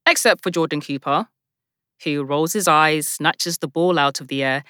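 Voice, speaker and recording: A woman's voice: deep voice, moderate pace, a bit bright, clear, resonant tone, no room sound, studio quality. A woman narrating a first-person teen novel with a wry, sardonic manner, voicing the characters herself. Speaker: audiobook narrator.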